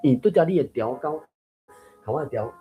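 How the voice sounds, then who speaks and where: A man's voice: medium pitch, lively intonation, a little fast, phone-quality sound, faint music behind. Patient man leading a reading class. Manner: patient, repeats example words one by one. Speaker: reading group leader. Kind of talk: explaining tone sandhi and correcting readers.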